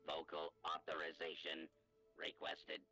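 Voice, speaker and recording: Bank vault computer: synthetic, flat, clipped, crawling pace. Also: male voice, very deep voice, measured pace, faint music behind, heavily acted. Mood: mechanical. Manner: flat machine announcements, clipped words. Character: male bank security computer, slow, cold. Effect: synthetic computer terminal voice.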